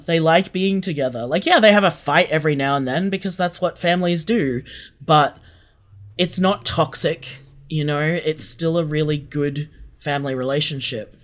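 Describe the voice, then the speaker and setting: This podcast guest, who co-created an audio drama, has a somewhat high and bright male voice. In a thoughtful interview he explains things sincerely, going back over phrases to stress them.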